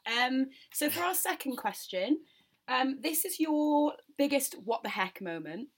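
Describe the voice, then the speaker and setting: A woman's voice: high voice, expressive, measured pace. Giggly, rambling woman podcast host. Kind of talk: casual chat.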